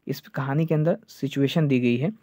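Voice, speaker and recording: A male teacher giving an online exam-prep lecture, checking "clear?" over and over and slowing down to drill names. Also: mid-range voice, mellow, dry recording. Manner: repeats "ठीक है" and "clear है" often, drills names slowly. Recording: dull lo-fi dry sound.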